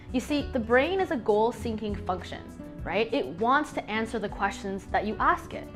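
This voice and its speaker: A young adult woman hosting a motivational coaching talk, leaning hard on key words and musing through drawn-out pauses. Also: on the high side. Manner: emphatic, leans on key words. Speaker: host.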